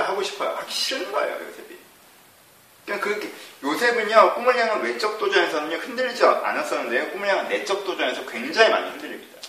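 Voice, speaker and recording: A man's voice: sits high, pushed and bright. A man preaching a sermon as a pastor, who keeps asking the congregation questions. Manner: asks the audience rhetorical questions. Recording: echoey hall from far off.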